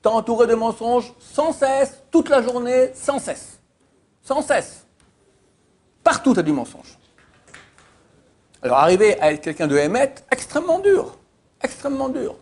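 A man with a very high voice speaks unhurriedly and pauses often. He is a Torah teacher giving an informal religious class, telling anecdotes with animation and emphatic repetition. He hesitates a great deal, frequently saying "euh."

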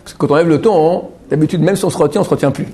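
Gravelly, animated man teaching a class. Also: on the high side, racing. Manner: animated, keeps checking in with "d'accord?"; repeats and restarts words while explaining. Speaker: religious teacher. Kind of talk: religious lesson to a class, taking questions.

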